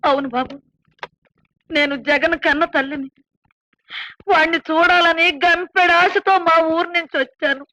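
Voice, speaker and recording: A woman's voice: very high-pitched, steady tone, normal speed, pauses often, sharp tone. An actress playing an older village mother who is crying and begging to see her jailed son, in a film drama with a dull, lo-fi soundtrack. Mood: pleading, tearful. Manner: pleading, begging. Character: poor village mother of a prisoner, tearful.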